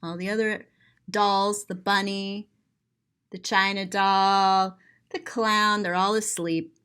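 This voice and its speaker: She is a storyteller, author and teacher reading to children, expressive in delivery with dramatic gasps and plain explanatory asides. Her mid-range voice is clean and fairly bright, slow, with little pitch movement.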